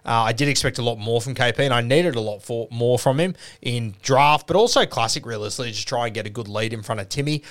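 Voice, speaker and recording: An Australian man hosts a casual sports podcast. His mid-pitched voice moves informally through a fantasy league update, with plenty of slang. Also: quick pace, few pauses, fairly bright tone. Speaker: podcast host.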